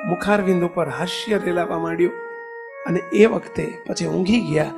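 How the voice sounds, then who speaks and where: Gravelly high-pitched male preacher. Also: normal speed, over music. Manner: preaches with rising emphasis, acting out cries and dialogue. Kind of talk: sermon with storytelling.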